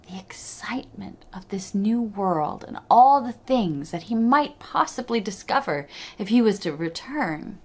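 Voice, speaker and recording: A woman telling a fairy tale in an expressive, playful way, dropping to hushed asides. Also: medium pitch. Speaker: storyteller.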